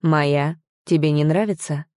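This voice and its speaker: A woman's voice: deep voice, a little slow, a little mellow, dry recording, studio quality. A woman voicing a possessive, domineering young man who talks in a mocking, commanding way. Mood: smug, commanding.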